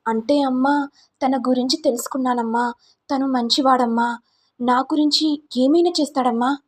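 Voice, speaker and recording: A naive, timid young daughter, played by a woman narrator, answering hesitantly and pleading. The voice is fairly high with a husky grain. Told as a storytelling recap. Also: steady tone, moderate pace. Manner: hesitant, pleading, ends lines with "amma".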